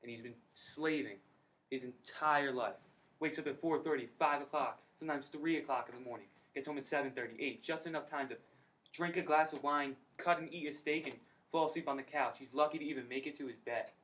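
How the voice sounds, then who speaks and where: A young man giving an energetic, slangy personal testimony at a recruiting meeting in a college room. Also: a little high, fairly quick. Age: young adult. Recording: distant mic, faint background noise.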